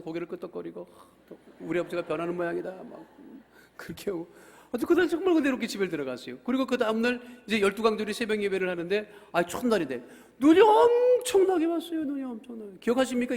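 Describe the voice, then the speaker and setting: A middle-aged male pastor preaching a revival sermon, telling a story and leading prayer, impassioned and bursting into shouts. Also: sits high, gravelly. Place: large church hall. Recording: long reverb in a big hall.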